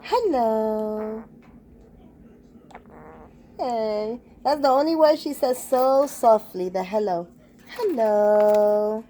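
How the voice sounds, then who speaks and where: Lady cooing at her pet bird, slow and bouncy, kinda high voice, tosses in spanish pet names. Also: animated, dark tone, slight background noise. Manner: coaxing sing-song pet talk; mixes in Spanish pet words. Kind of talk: casual vlog talking to a pet parrot.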